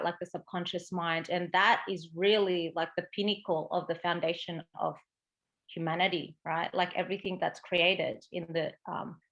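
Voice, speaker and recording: An Australian woman from Sydney, a psychic medium and coach, chats as a guest in a casual interview. She explains things freely and keeps checking in with "right" and "you know." Her voice is on the low side, and the sound is lo-fi.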